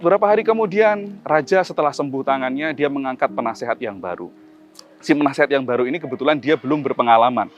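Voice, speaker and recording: A man's voice: medium pitch, lo-fi sound. Storytelling male preacher. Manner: conversational, with filler tags. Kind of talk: storytelling sermon.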